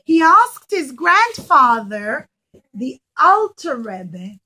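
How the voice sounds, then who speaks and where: In a low-quality recording, a woman preschool teacher gives a puppet show, telling young children a story in simple, emphatic phrases and often asking them questions. Her voice is high-pitched, sing-song, bright and forceful, and extremely slow.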